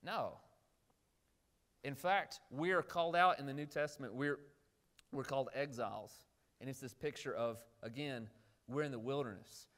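A man's voice: mid-range voice, normal speed, long pauses, a bit bright. A man preaching a midweek sermon in a conversational way, asking the congregation questions and acting out the characters he quotes. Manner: acts out quoted characters in brief voices. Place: church.

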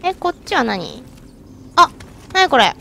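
Woman, let's-play commentary, very high voice, jumpy lively pitch, excitable, chatty. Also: measured pace, creaky, slight background noise. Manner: excitable, shrieks and laughs at the game; chatty self-mocking asides. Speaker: game streamer.

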